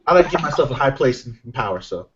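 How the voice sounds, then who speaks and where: A man appearing as a guest on a podcast, joking in a quick, self-mocking way. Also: mid-range voice, very animated. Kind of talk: casual podcast chat. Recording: dull lo-fi audio with faint noise.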